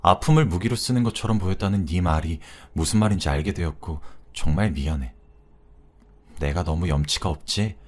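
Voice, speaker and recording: Apologetic, earnest sister-in-law, read by a man in a low voice.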